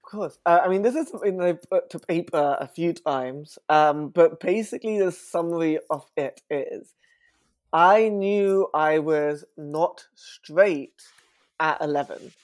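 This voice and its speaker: A young man from West London, chatting as an interview guest with frequent fillers and an animated manner. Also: on the high side, measured pace, no room sound. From West London, England. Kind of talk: casual interview talk.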